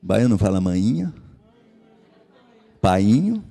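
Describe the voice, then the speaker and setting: Gravelly Capixaba pastor preaching slowly. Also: male voice, on the low side, very animated, warm tone. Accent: Capixaba Brazilian Portuguese. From Espírito Santo, Brazil. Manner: impassioned preaching, asks the congregation rhetorical questions. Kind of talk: sermon.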